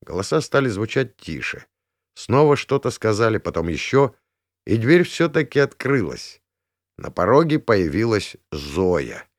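A man narrates an audiobook with an expressive, storytelling delivery. His low voice moves through a wide, lively pitch range. The recording is dry and close, with no room sound. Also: dry recording.

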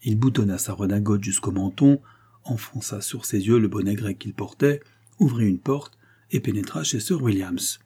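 A man narrating a classic novel as an audiobook, in a measured literary reading. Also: fairly low pitch, mellow, breathy edge. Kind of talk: scripted narration.

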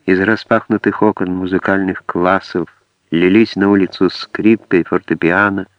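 Low-voiced man narrating an audiobook. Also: dry recording. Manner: measured storytelling. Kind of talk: scripted narration. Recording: dry, dull lo-fi audiobook.

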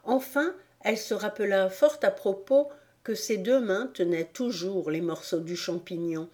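A woman reading a classic storybook aloud as narrator. Her delivery is calm, measured and very slow, with a mellow, soft-edged tone. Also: medium pitch. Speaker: audiobook narrator. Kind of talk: scripted narration of a classic novel.

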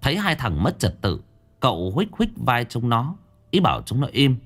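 A man narrating a story in a dramatic, expressive way. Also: medium pitch, moderate pace.

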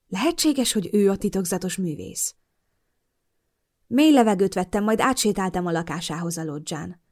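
A woman narrating a first-person audiobook with an expressive storytelling delivery. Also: medium pitch.

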